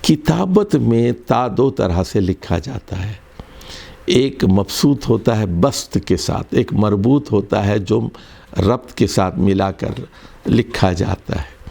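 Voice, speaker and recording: A man with a Pakistani Urdu accent teaches a grammar lesson in a low, gravelly voice. His tone is mellow and dark. He explains patiently and circles back over each word, with frequent fillers and restarts. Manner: explains slowly, repeats words, many restarts and fillers. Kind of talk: recorded lesson.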